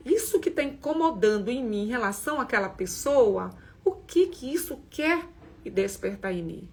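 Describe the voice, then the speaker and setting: Woman host, husky and a little high, gentle reflective self-help talk, chatty asides. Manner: gentle, conversational, frequent "né?" asides. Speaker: host of a women's self-development community.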